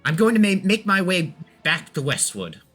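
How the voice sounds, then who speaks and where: A man's voice: high voice, very animated, moderate pace, a bit bright, husky, soft background music, pitched above the performer's own voice, exaggerated voice. A man voicing a bossy, impatient merchant woman in a tabletop game, curt and demanding.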